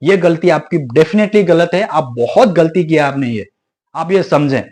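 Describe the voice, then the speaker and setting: Young man, high-pitched, indignant vlogger monologue with lots of repetition and English mixed in. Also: unhurried, a little mellow. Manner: indignant, repeats himself, code-switches into English. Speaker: video creator warning viewers. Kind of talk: casual direct-to-camera monologue.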